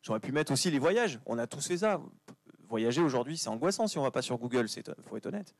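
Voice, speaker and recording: A man giving a lively conference talk, chatty and joking with the audience. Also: mid-range voice, fast talker, no echo. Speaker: conference speaker. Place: conference venue.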